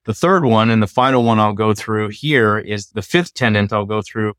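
A middle-aged man, a law professor, explaining ideas in a measured, lecturing way during a conversation. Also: fairly low pitch, a bit bright, clear, resonant tone, dry recording, studio quality.

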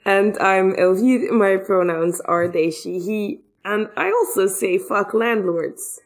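A woman's voice: medium pitch, slow pace. A woman co-hosting a podcast in casual chat, with a wry, joking manner and some swearing. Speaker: podcast co-host.

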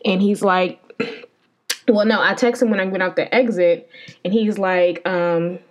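A woman's voice: medium pitch, fairly even intonation, a little slow, lo-fi sound. A woman hosting a podcast, telling a story in a rambling, profane, exasperated way. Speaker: podcast host. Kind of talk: casual storytelling.

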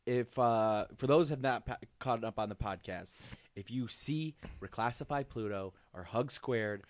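A man hosting a comedy podcast, telling absurd stories deadpan with lots of ums and uhs. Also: medium pitch, unhurried, dry recording. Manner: deadpan, absurd jokes with many fillers. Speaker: podcast host. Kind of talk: casual comedic podcast chat.

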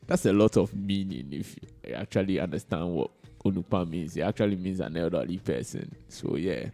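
Low, creaky Ghanaian man hosting a podcast. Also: animated, brisk, mellow, faint music behind. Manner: informal, slangy, repeats words for emphasis. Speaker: podcast host. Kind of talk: casual unscripted podcast chat. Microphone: held microphone in a recorded session.

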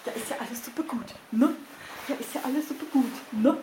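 A woman's voice: sits high, fast, echoey room, background noise. A woman podcast host chatting casually while getting dressed, singing bits and laughing, swearing playfully.

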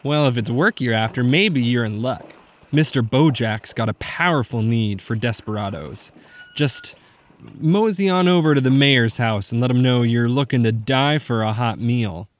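A man's voice: medium pitch, lively intonation, normal speed, close to an everyday voice. A man voicing a nervous young ruffian in a red bandana who talks in a folksy western drawl in a comedy radio western. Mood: threatening. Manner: folksy western drawl, stammering when anxious.

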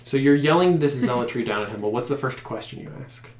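A man narrating a tabletop game as game master, halting and full of fillers as he describes the scene. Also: medium pitch, animated, roomy sound. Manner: halting, with many fillers and restarts.

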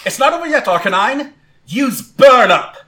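Fiery female gym leader as a man puts her on, shouted commands, high raised voice, bright tone. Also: big pitch swings, moderate pace, exaggerated voice. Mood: commanding.

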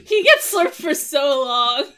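A woman co-hosts a casual anime podcast and keeps the jokes coming with mock outrage. Her voice is fairly high and her pitch jumps around a lot. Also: pushed and bright. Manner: jokey, riffs with mock outrage. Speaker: podcast co-host. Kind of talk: casual chat about anime.

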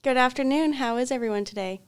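Young woman from kentucky, college student, smooth clear voice, friendly answers. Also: high voice, fast talker. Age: 20s. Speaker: student guest. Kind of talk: casual interview answers.

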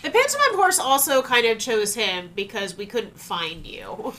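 A woman's voice: on the high side, very animated, normal speed, bright, forceful tone. A woman improvising a comedy scene, exasperated and giggly.

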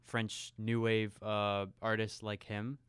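A man co-hosting a film podcast, talking in a relaxed, conversational way. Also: fairly low pitch, takes it slowly, smooth, no room sound. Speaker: podcast co-host. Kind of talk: casual film podcast chat.

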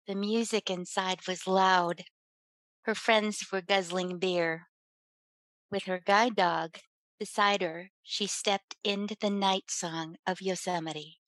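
A woman's voice: medium pitch, no room sound. A woman reading her own short story aloud to a writing group.

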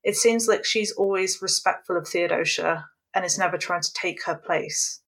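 A woman's voice: fairly low pitch, moderate pace, vocal fry, fairly bright tone. A woman co-hosting a podcast, chatting casually and jumping around between anecdotes. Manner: digressive, rambling. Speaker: podcast co-host.

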